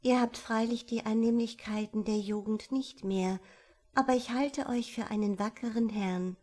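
A woman voicing a courteous, soft-hearted elder sister in a storybook reading. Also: a little high, fairly even intonation, normal speed, natural voice. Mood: soothing. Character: gentle, sensible elder sister, tactful.

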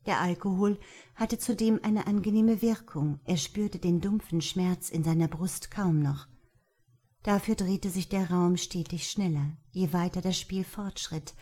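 A woman narrating a novel in a steady, even audiobook reading. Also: fairly low pitch. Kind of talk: scripted narration.

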